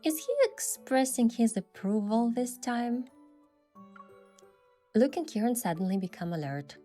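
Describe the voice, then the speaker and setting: Set against music, the narrator and lead character of a game event story gives scripted first-person narration with acted dialogue. She has a slightly high, expressive, warm voice and speaks a little slowly.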